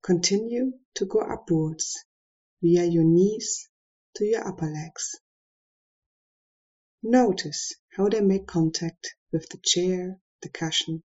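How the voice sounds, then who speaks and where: Slow, soft-spoken woman guiding meditation. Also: on the low side, lo-fi sound. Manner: slow, soft and calm instructions with long pauses. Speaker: meditation guide. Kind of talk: guided meditation.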